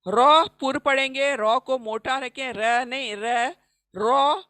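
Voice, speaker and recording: A woman teaching recitation in an online class, explaining each rule and then reciting the example slowly. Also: sits high, steady tone, sharp tone, no echo. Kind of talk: recorded online lesson.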